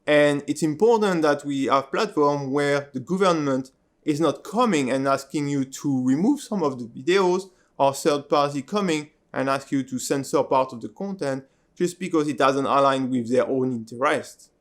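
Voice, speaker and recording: A man's voice: fairly high pitch, normal speed. A male host whose first language is French, earnestly explaining his point to viewers and often asking "right?". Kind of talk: video introduction and interview.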